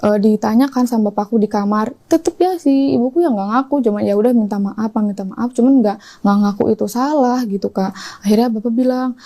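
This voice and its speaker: A woman's voice: fairly high pitch, warm tone. A young woman, retelling a personal story as an interview guest, with lots of quoted dialogue. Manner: rapid, breathless retelling full of quoted dialogue. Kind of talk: confessional storytelling.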